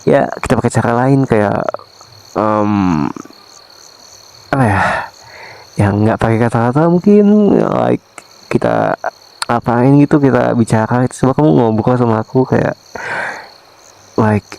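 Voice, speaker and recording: Whispered role-play: man as a remorseful young husband, soft and pleading, mid-pitched. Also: a little slow, gravelly, pauses often, smooth, rough recording. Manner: soft, pleading, sprinkles English phrases. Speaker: ASMR voice actor.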